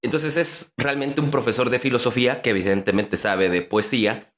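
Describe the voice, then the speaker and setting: A man's voice: medium pitch, moderate pace, a bit bright. A man from Iztapalapa with a strong chilango accent, co-hosting a podcast, explaining a film with keen, slangy enthusiasm. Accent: chilango Mexico City Spanish. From Iztapalapa, Mexico City. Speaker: podcast co-host. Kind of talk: casual podcast chat.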